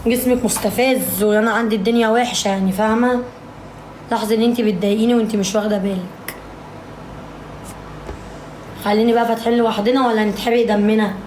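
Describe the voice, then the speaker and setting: Fast-talking bickering Egyptian woman. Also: fairly high pitch, fairly even intonation, a little mellow, a little hiss or hum. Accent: Egyptian Arabic. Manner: bickering, complaining, teasing. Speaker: live streamer. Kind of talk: casual livestream chat. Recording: echoey room.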